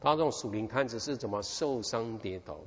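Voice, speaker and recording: A middle-aged man from Taiwan preaches a sermon built around a personal story, telling it with animation and firing off one rhetorical question after another at his listeners. His mid-range voice runs a little fast, and the recording is dull, made in a reverberant hall.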